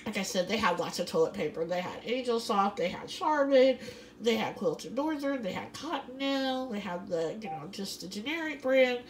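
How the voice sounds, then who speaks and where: A woman's voice: mid-range voice, animated, normal speed, a little hiss or hum, rough recording. Chatty woman rambling over a grocery haul. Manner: chatty, rambling, laughs often, many fillers. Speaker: vlogger. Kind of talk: casual grocery haul vlog. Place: home kitchen.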